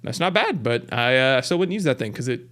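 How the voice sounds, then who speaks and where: A man hosting a gaming video, casually reading patch notes aloud with excited, wry running commentary from a close desk mic. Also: mid-range voice, a little fast.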